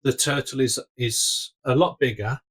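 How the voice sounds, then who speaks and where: A man's voice: mid-range voice, a little slow, a bit bright, husky. A man chatting casually as a co-host, with a dry, teasing manner. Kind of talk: casual chat.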